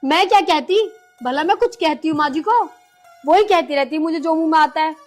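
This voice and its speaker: An actress playing a patient, pleading young daughter-in-law in a village film drama. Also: female voice, sits high, fairly quick, soft background music, close to an everyday voice. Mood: hurt. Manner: pleading, long-suffering.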